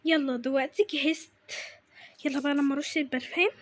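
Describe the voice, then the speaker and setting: A woman's voice: high voice, fast, dry recording, natural voice. A woman playing a bubbly young Egyptian woman. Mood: excited. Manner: bubbly, excitable. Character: excited young woman, dutiful daughter.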